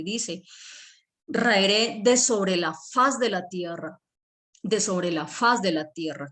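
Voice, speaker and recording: A woman's voice: mid-range voice, fairly bright tone. A woman preaching a sermon for an online church service. She explains word meanings, repeats key words and checks in with her listeners. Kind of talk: sermon teaching.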